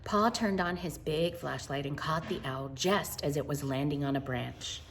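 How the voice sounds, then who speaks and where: A woman reading a picture book aloud to children in an expressive, wonder-filled way, with chatty asides and hushed moments. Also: sits low, normal speed, a little hiss or hum. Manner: animated, wonder-filled, addressing young listeners, dropping to hushed tones.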